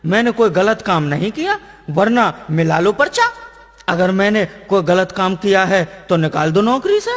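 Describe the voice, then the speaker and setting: A man's voice: sits high, big pitch swings, normal speed, in a large hall, slight background noise. A man voicing a bumbling, literal-minded male servant who answers earnestly. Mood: earnest excuses.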